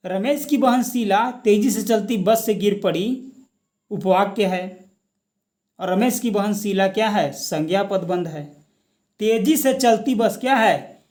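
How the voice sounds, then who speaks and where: A man with a high voice gives an exam-prep grammar lecture, voiced over slides. He explains slowly and patiently. He poses questions and answers them himself, dropping English words into his Hindi. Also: darkish tone.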